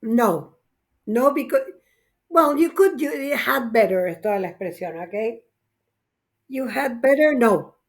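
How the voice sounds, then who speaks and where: Unhurried woman teaching English grammar. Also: fairly high pitch, animated. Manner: patient, explaining step by step with frequent "ok?". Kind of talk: online class teaching, mixing Spanish and English.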